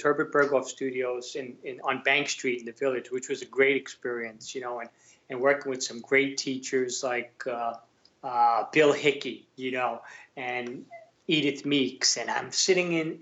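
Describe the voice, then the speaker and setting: A man's voice: medium pitch, fairly even intonation, moderate pace, a bit bright. A middle-aged man with a Brooklyn accent, telling colloquial anecdotes casually and acting out bits of quoted dialogue. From Brooklyn, New York. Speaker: podcast guest, actor and former police officer. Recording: roomy, slightly dull remote audio.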